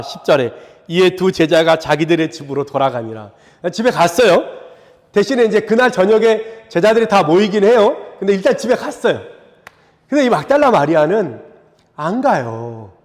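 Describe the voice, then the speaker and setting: A man delivers a sermon in a high, light voice that rings through a large sanctuary with long reverb. He talks conversationally, often checking in with the listeners, and slips into dramatic readings of scripture voices. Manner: conversational, asks the congregation for agreement. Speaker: pastor. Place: church sanctuary.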